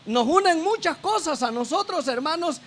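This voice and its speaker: High-voiced man preaching a sermon. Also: lively intonation, moderate pace, a bit bright. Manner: frequent "¿verdad?" tag questions to the congregation; addresses listeners as brother and sister. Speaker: deacon preaching.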